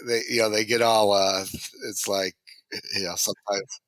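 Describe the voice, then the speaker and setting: Bright-voiced man musing on his layout. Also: lowish voice, flat delivery, moderate pace, no echo. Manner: thoughtful, searching for words with many restarts. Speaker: guest, model railroad layout owner. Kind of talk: casual podcast conversation.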